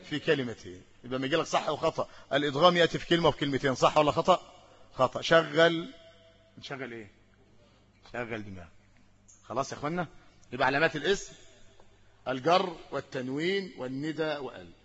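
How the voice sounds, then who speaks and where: A man with an Egyptian Arabic accent teaching an Arabic grammar lesson, quizzing his students and stretching out key words slowly for emphasis. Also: fairly high pitch, a bit bright, slightly rough, highs cut off. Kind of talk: classroom lesson with questions to students.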